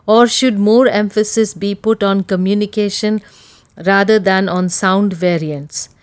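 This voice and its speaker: A woman's voice: medium pitch, darkish tone, no echo. A woman from India with an Indian accent, reading a prepared text aloud. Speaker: accent sample speaker. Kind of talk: reading a passage and word list aloud.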